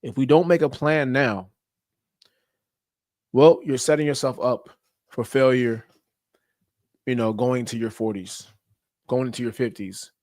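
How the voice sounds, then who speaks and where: A blunt, emphatic man lectures his listeners on getting in shape, swearing casually and dropping slang as he goes. His voice sits at an ordinary mid pitch. The sound is close and dry. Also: a little slow, pauses often, a little mellow, dry recording. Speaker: podcast host. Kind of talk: motivational monologue.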